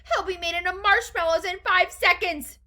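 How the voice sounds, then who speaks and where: A woman's voice: very high voice, moderate pace, pushed and bright, voice pushed up. A woman voicing a frantic, bossy mother in a storybook, screaming and snapping indignantly. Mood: furious, indignant.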